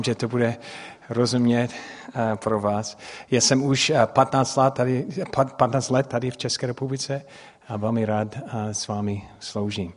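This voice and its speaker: A middle-aged man, a native English speaker speaking with an English-speaking accent, preaches through personal stories, haltingly searching for words and making grammatical slips. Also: mid-range voice. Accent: English-speaking accent in Czech. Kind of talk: sermon with personal storytelling. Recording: long hall reverb.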